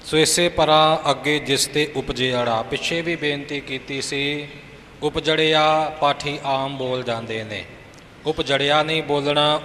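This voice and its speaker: A man's voice: on the high side, a bit bright. A man teaching, patiently correcting pronunciation and explaining meanings, sometimes half-singing. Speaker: scripture teacher. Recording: reverberant room with faint noise.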